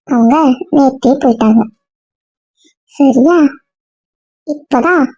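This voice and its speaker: A woman's voice: high voice, a little mellow, no room sound. A woman playing a chatty, kindly elder sister. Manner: chatty, affectionate. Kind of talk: hobby audio drama. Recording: dull dry lo-fi sound.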